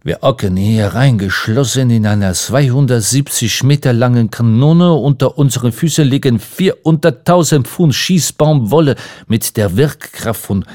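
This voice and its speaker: A man reading an audiobook, voicing an excitable, teasing Frenchman in a raised, animated voice. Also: mid-range voice, normal speed, close to an everyday voice. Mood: wistful. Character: excitable mocking Frenchman, grown man, theatrical.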